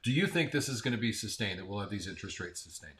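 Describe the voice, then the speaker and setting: American guy, lowish voice, chatting about housing numbers, stumbles and restarts a lot. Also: lively intonation, fast, a bit bright. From Central Florida. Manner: conversational, explains numbers with restarts. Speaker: real estate agent, co-host. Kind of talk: casual market-report chat.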